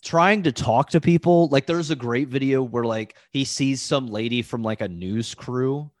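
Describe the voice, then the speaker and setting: A man's voice: medium pitch, normal speed, a little mellow, no room sound, studio quality. A male podcast host chatting casually, rambling through stories with lots of fillers and swearing. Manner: rambling, laid-back storytelling, full of fillers and swearing.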